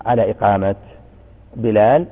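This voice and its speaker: A man's voice: on the low side, normal speed. A man giving a religious lesson, quizzing his students and answering his own questions. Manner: chants the call to prayer in demonstration. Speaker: religious teacher. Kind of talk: classroom lesson. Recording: tinny phone-like sound in a reverberant hall.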